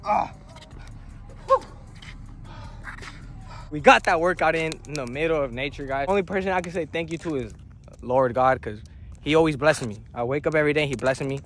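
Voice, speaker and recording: A man's voice: on the high side, animated, brisk, long pauses, faint music behind. A nineteen-year-old man in a casual selfie vlog, outdoors by the water and on a jet ski, talking in a hyped, slangy, motivational way into a phone held at arm's length. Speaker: vlogger. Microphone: phone camera at arm's length. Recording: loud wind and engine noise.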